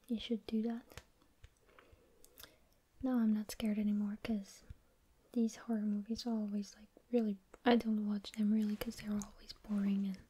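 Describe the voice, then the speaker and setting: Woman whispering asmr, super soft n mellow, breathy, reading stories and chatting casually, no rush. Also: medium pitch.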